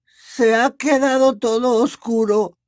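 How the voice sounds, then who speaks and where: A man putting on a hoarse, trembling teenage bully who has been badly frightened, stumbling and stammering. The voice sits far above the reader's own and crawls along slowly, recorded dry and close. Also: very high voice, steady tone, no echo, pitched above the performer's own voice. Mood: shaken. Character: spoiled hulking teen boy, shaken and scared.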